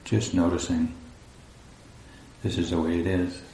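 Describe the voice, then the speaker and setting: A meditation teacher with a low, even voice guides a meditation in an indoor room at a group retreat, speaking calmly and unhurriedly with long pauses between phrases. The recording has a roomy echo and a faint low rumble.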